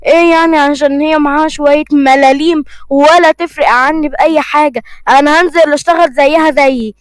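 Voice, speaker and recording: A defiant young Egyptian village woman in a cartoon story, as a woman puts her on. She talks fast and high, mocking and stubborn. The recording is dry. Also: steady tone, no echo, natural voice.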